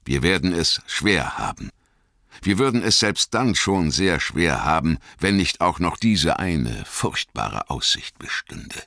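A man voicing an ancient male wizard, grave and wise, speaking slowly and solemnly in an audiobook reading. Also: low voice, very animated, vocal fry, pushed and bright, no room sound, studio quality, heavily acted. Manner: slow, solemn storytelling.

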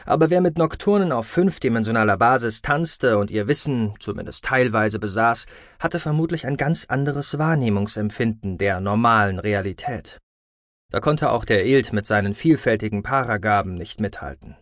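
A man narrating a science-fiction audiobook in a steady, measured storytelling manner. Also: on the low side, dry recording, clean studio sound.

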